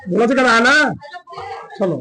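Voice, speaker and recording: A man's voice: very high voice, measured pace, pushed and bright, low-quality recording. A man teaching a chemistry lesson, working through a problem in a colloquial way and often checking that his students follow.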